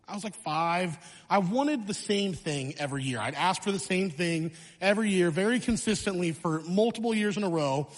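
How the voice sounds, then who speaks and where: High-voiced man telling a funny story. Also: in a large hall. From Illinois, USA. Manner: animated, self-mocking humor. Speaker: church speaker. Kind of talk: sermon announcements and storytelling. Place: church sanctuary.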